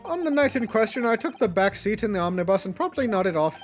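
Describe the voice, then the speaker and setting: High, lilting leprechaun-like Irishman. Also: very animated, fast, soft background music. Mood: storytelling. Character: folksy Irish gentleman witness, leprechaun-like, blarney-laden and deferential. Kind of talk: theatrical video game character reading.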